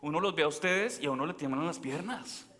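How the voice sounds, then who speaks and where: A man's voice: on the high side, brisk, bright, forceful tone, a little hiss or hum. A man, a priest, giving a sermon in a conversational way, telling stories and asking the congregation questions. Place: large church. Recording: long church reverb.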